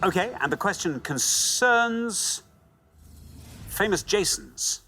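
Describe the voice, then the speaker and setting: Faint music plays behind a man hosting a TV quiz show in a studio with an audience. He takes his time, his tone bright and forceful with lively, widely swinging intonation, as he upbeatly encourages contestants and reads out questions and scores.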